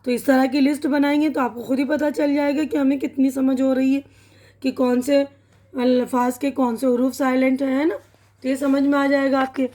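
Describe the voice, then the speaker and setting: High-voiced woman teaching English vocabulary. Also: level tone, dark tone. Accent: Pakistani Urdu. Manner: patient, repeats words slowly, checks in with "theek hai na".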